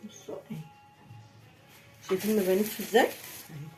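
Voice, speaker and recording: A woman's voice: medium pitch, brisk, soft background music. A woman with an Egyptian accent chatting to viewers as she decorates a birthday cake in her home kitchen. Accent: Egyptian Arabic. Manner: chatty, talks viewers through each step. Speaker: home baking vlogger. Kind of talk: casual cake-decorating tutorial.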